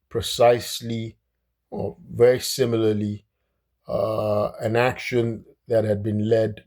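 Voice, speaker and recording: Man from Nigeria, solo commentary, slow halting delivery, lowish mellow voice. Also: creaky. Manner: hesitant, many fillers and restarts. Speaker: political commentator.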